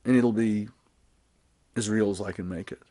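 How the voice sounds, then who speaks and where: Born and raised in Germany, a vlogger in his sixties rambles to a camera held close at arm's length in a small garage workshop, blunt and profane, with many restarts. His voice is fairly low and warm, with fairly even intonation at a normal speed.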